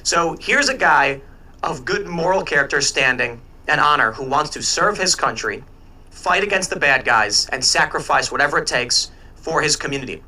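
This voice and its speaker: A man giving earnest, explanatory commentary in a conversational panel-talk style, pausing to find words. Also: on the high side, pushed and bright.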